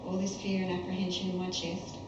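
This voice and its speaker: A woman leading a tapping therapy session, saying short phrases slowly and repetitively, with pauses between them. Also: lowish voice, completely flat delivery. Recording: very echoey, noisy, dull room recording.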